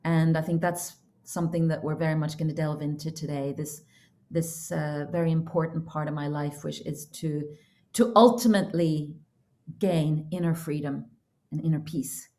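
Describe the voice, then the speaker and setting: Earnest middle-aged woman from Norway, low voice. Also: fairly even intonation, normal speed, darkish tone. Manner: earnest, reflective storytelling. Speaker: podcast guest, holistic counselor and coach. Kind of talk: casual interview talk.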